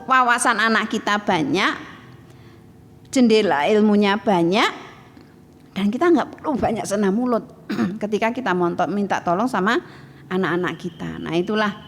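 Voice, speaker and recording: A woman giving a lively religious talk to women, often asking her listeners questions. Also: medium pitch, normal speed, long pauses, a little hiss or hum. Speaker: religious teacher. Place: mosque hall. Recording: echoey hall with faint ambience.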